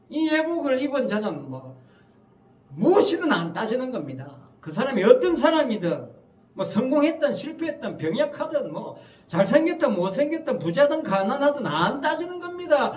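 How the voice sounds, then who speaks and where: A male pastor preaching a Sunday sermon in a church, emphatic and full of rhetorical questions to the congregation. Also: extremely high pitch. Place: church sanctuary. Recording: echoey church hall, mic at a distance.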